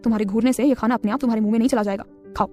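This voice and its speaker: A woman reading the part of a stern, hot-tempered young man, speaking gruffly in curt commands. He sounds domineering and impatient, and faint background music sits under the storybook reading. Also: fairly high pitch, fairly even intonation, very fast, a little mellow, dull audio, close to an everyday voice.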